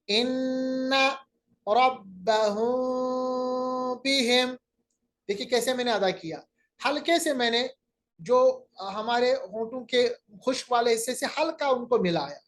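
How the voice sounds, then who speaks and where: Woman teaching recitation, drawn-out example words. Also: a little high. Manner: explains step by step, drawing out example words slowly and clearly; patient, plain teaching tone with pauses and fillers. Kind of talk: recorded lecture on recitation rules.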